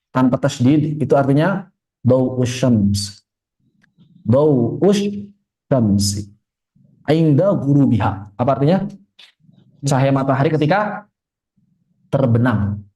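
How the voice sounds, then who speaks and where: A man from Indonesia giving a religious study lecture, joking and quizzing his class, slowly chanting Arabic verses. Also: medium pitch, lively intonation, warm tone. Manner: joking, conversational teacher asking the class questions. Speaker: Islamic teacher.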